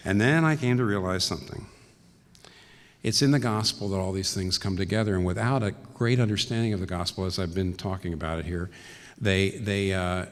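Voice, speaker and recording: A man, a pastor, giving a reflective teaching talk and clearing his throat now and then. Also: low-pitched, a little fast, big-room sound.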